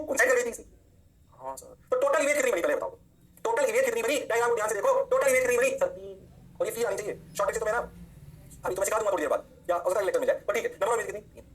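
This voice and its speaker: A man teaching an energetic physics lecture, often answering his own questions in a student's voice. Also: very high-pitched, racing. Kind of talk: online lecture.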